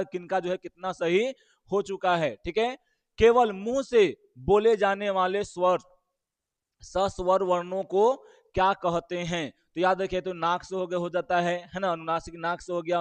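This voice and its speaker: A man's voice: sits high, clean tone, dry recording. A male teacher, walking through exam questions and quizzing his listeners with rhetorical questions.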